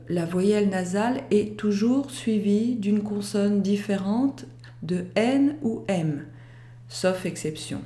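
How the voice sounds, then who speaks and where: A woman teaching a pronunciation lesson, walking through each rule step by step with careful, deliberate enunciation. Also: mid-range voice, dark tone, roomy sound. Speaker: French teacher. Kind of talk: slow, methodical pronunciation lesson.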